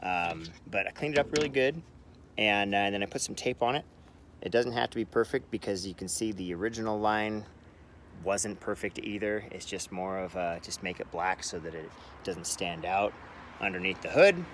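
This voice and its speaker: A man's voice: fairly low pitch, moderate pace, background noise. A man talking casually through a small truck repair in a how-to vlog, chatty and easygoing with plenty of fillers. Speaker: vlogger. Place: garage or outdoors by a truck, winter.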